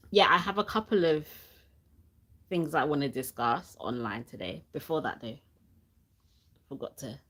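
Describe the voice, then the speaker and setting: A young woman hosting a casual livestream, chatty and laughing often, reading viewer comments aloud, with a cough sweet in her mouth and a sore throat. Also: sits low. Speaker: channel host.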